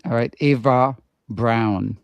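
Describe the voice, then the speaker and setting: A man's voice: mid-range voice, slow pace, gravelly, smooth. A man co-hosting a podcast, chatting casually in a playful, rambling way and laughing often. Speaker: podcast co-host. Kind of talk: casual chat.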